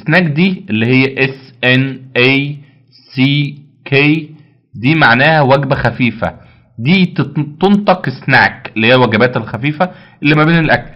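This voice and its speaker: A man's voice: mid-range voice, fairly bright tone, muffled recording. A man with an Egyptian Arabic accent teaching English vocabulary, repeating each word and answering his own questions. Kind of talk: vocabulary lesson.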